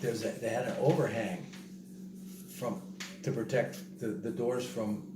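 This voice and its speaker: A man recounts a story in lively, casual speech, often repeating phrases and slipping into the voices of the people he describes. He sits some way from the microphone in a roomy, echoing space, with steady background noise throughout. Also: mid-range voice, unhurried. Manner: animated, repeats himself, acts out other people's words. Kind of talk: casual spoken travel story. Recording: roomy, distant mic, noisy background.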